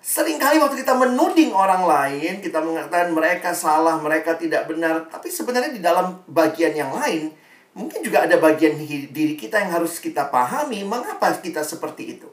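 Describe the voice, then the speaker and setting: A man's voice: on the high side, brisk. Man, youth preacher, chatty sermon, roomy echo, heard from a distance. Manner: relaxed and conversational, slips in English Bible phrases. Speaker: preacher to young people. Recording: echoey room, mic at a distance.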